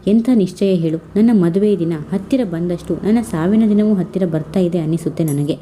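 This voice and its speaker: A woman voicing a shy, devoted young village woman, read in a soft storytelling voice. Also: fairly low pitch, fairly quick, slight background noise, natural voice. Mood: anxious.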